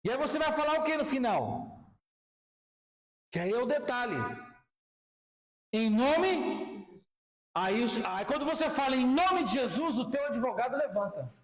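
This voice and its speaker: A man preaching a sermon, animated, often asking the congregation questions. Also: extremely high pitch, a little slow, long pauses, reverberant.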